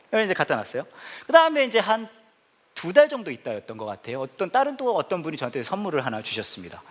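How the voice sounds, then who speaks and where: Male pastor, slightly high voice with swinging pitch; light, joking sermon storytelling. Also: fairly quick. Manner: joking, self-mocking, lively storyteller. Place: church service before a congregation.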